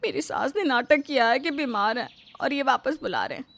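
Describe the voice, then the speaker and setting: A woman's voice: high voice, lively intonation, moderate pace, creaky, music in the background, pitched above the performer's own voice. A woman voicing a bossy, spoiled young married woman who scolds and taunts in storybook dialogue. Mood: taunting. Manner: loud, scolding, sarcastic.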